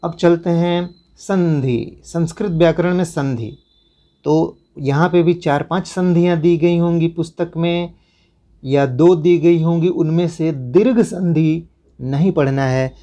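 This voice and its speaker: A man's voice: on the high side, measured pace, warm tone. A man teaching students, going through a school syllabus and telling them which chapters to cross out, in a repetitive, instructive way. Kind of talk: syllabus walkthrough lesson.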